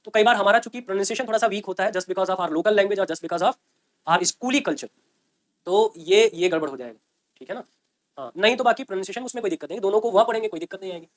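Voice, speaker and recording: A man with a fairly high voice lectures on grammar to a class. He explains patiently, repeats key points and keeps checking that his students follow. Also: fast. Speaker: teacher.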